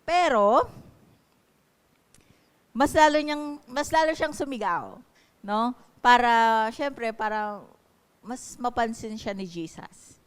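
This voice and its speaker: A woman's voice: fairly high pitch, slow, pauses often, clear, resonant tone. A woman with a Filipino accent, preaching a sermon and explaining each point with frequent checking questions. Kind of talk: Taglish sermon.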